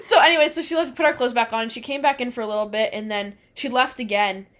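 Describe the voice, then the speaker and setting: A young woman in her twenties chatting as a podcast co-host, her voice sitting a little high. She rambles through the story with constant "like" and "um" fillers and breaks into laughter often. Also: quick pace, crowd noise. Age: 20s. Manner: rambling, fills with "like" and "um"; laughs often while telling. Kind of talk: casual storytelling chat.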